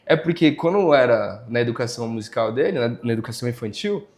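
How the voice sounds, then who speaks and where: A man's voice: mid-range voice, lively intonation, fast talker, darkish tone. A Brazilian male music teacher explaining his lessons in a casual school podcast interview, counting out examples as he goes.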